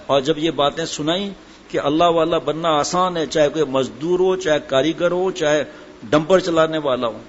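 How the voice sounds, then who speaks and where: A middle-aged man giving a sermon and telling a humorous story, acting out the voices of the people in it. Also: on the high side. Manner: storytelling, acts out quoted voices. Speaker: Islamic preacher. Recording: dull lo-fi with faint hiss.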